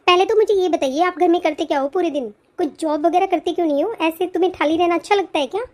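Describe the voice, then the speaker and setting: Cartoon bride, young and earnest, very high voice, a woman voicing her; indignant. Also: fairly quick, a little mellow. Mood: upset. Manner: pleading, indignant. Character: young daughter-in-law, educated and earnest. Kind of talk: cartoon voice acting.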